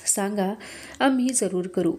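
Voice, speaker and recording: A woman reading the lines of a gentle, humble and sorrowful king in an audiobook of a historical novel, speaking softly and respectfully. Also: medium pitch, natural voice. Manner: soft, respectful, measured.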